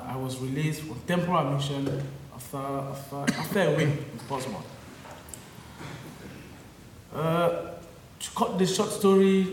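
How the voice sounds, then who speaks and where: A man speaks at a public meeting, telling his own story plainly and earnestly and correcting himself as he goes. His voice sits slightly high. He is heard from a distance in a large hall with a lingering echo. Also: slight background noise. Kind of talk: personal testimony. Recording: echoey hall from far off.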